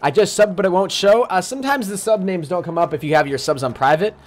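A man commentating his live game stream, chatting along and greeting viewers by name with sudden excited outbursts. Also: high-pitched, quick pace.

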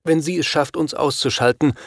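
Male reader doing a worried father, anxious, agitated, slightly raised pitch, dry studio sound. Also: normal speed, creaky, no echo. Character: worried middle-aged father, desperate, pleading. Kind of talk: audiobook character reading.

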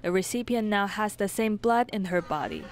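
A woman reading a scripted news voice-over in an even, measured way. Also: mid-range voice. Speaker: news narrator. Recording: voice-over with loud music bed.

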